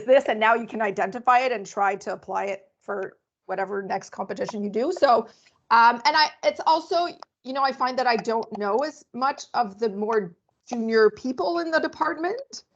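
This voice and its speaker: Hesitant woman in a group call. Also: a little high. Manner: hesitant, many fillers. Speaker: study group member, former mentor. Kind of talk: casual group discussion. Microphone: video call. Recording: muffled video call audio.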